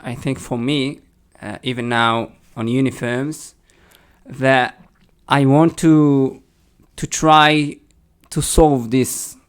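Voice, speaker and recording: A young podcast co-host speaks English with a Hebrew accent and a slight British tinge in a casual discussion. His mid-range voice is clean, steady and slow, and he comes across as thoughtful and hesitant, frequently restarting sentences.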